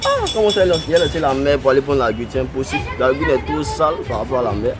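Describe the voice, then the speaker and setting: A man's voice: mid-range voice, big pitch swings, rapid-fire, a crowd in the background, noisy background, lightly acted. A man playing a reproachful young boyfriend. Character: young man dumping his girlfriend.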